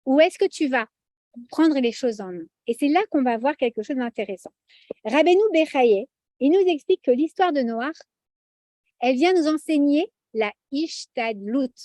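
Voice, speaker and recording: A woman teaching a lively religious lesson to an audience, chatty and animated, often checking in with the audience. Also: high voice, normal speed, no room sound.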